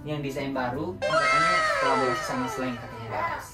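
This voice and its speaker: Speaking fast, with a mid-range voice whose pitch swoops wildly, this young Indonesian vlog host chats casually to his viewers from a small room indoors at home, frequently addressing them as "guys." Background music plays, and the sound is distant and roomy.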